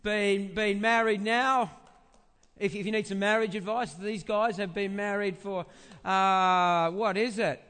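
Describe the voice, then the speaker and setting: Steady in tone, smooth and a bit bright, this pastor's big voice is high-pitched. His conversational sermon features rhetorical questions and phrases repeated haltingly for emphasis, echoing in a large indoor church.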